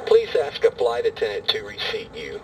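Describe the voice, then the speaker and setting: A man reading a scripted in-flight safety announcement in a formal, measured, polite way. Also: mid-range voice, huge pitch swings, a bit bright, far from the mic, slight background noise.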